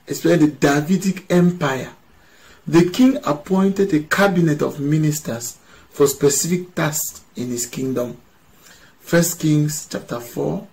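Slow, deliberate priest giving a homily. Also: male voice, fairly high pitch, darkish tone, low-quality recording. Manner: slow, deliberate preaching, stressing key phrases. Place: small indoor room.

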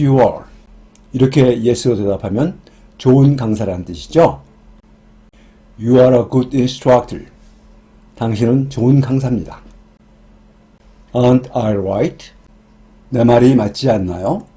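A man explaining English grammar in a scripted lesson, reading each example sentence slowly and deliberately. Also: mid-range voice, mellow. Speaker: English teacher.

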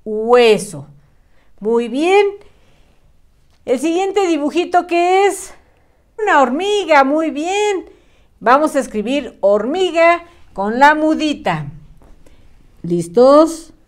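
A woman teaching young children to write, speaking slowly and sounding out each syllable. Her voice sits fairly high and rises and falls a lot as she encourages the class. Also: expressive. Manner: patient, encouraging, spells words out syllable by syllable. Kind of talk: slow children's writing lesson.

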